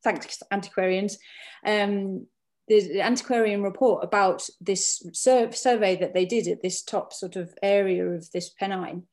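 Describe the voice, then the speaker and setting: A woman's voice: medium pitch, fairly even intonation, moderate pace, a little mellow. A middle-aged woman from Britain, an archaeologist and Druid, telling a personal story in a rambling way, with many restarts and fillers.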